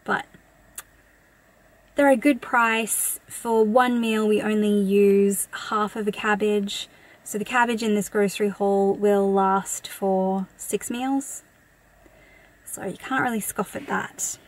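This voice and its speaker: A woman's voice: mid-range voice, fairly even intonation, takes it slowly. An Australian woman in her thirties, chatting casually through a grocery haul and listing prices in a matter-of-fact way from inside a parked car. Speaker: vlogger.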